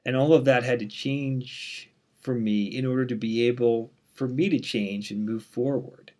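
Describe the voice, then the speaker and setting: A university instructor in his thirties gives a casual course introduction in an ordinary mid-pitched voice. He's relaxed and candid, leaning often on "um," and a mild stutter makes him catch briefly on a word now and then.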